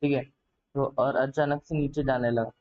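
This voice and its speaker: A man's voice: mid-range voice, fairly even intonation, a little slow, darkish tone, highs cut off. A man explaining a trading concept from his notes in a casual lesson, hesitant and full of filler words as he talks to the viewer. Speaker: trading learner sharing notes.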